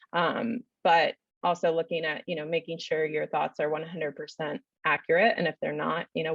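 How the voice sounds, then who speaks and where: A woman's voice: on the low side, no room sound, dull audio. A woman psychologist answering questions in a webinar, thoughtful, with many "you know" fillers. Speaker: psychologist guest speaker.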